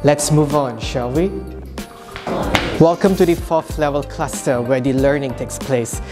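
A man's voice: mid-range voice, unhurried. A man leads a cheerful, welcoming tour through a big open-plan campus. His voice sits in an ordinary middle register. Music plays underneath. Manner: cheerful, welcoming, playful asides. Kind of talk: scripted walking tour narration. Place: large open-plan campus building indoors. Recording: music playing behind.

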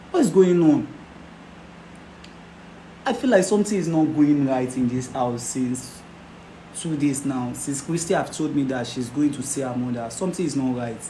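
In this amateur skit, an actor plays a young man heartbroken by betrayal, a boyfriend who pleads, repeats himself, and breaks into laughing sobs. His voice is slightly high, mellow, and expressive, at normal speed with frequent pauses and an anxious, lightly acted mood. The recording has a roomy echo and faint noise.

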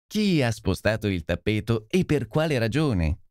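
A man's voice: on the low side, very animated, moderate pace, a little mellow, smooth, dry recording, studio quality. A man voicing a smug, boastful police inspector who talks down to the famous detective. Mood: smug, condescending. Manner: self-satisfied, condescending.

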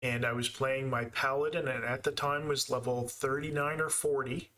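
A man's voice: medium pitch, fairly even intonation, moderate pace, pushed and bright. A man with a Canadian accent giving easygoing live commentary while he plays a game and thinks aloud. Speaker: game streamer.

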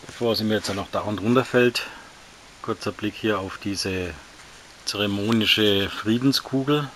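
A man casually reviewing action figures, talking in a relaxed, slightly halting way while he handles them. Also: on the low side, a little hiss or hum.

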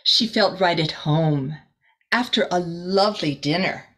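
Reading a children's storybook aloud in a small indoor room, a middle-aged woman uses a lowish voice in her role as teacher. Her delivery is deliberate and expressive, broken by small asides to the listeners.

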